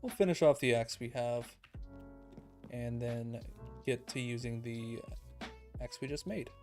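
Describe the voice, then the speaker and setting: A man casually commenting on his own gameplay as a streamer, relaxed and self-deprecating, thinking out loud and a little out of breath. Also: mid-range voice, unhurried. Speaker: let's play streamer. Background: background music.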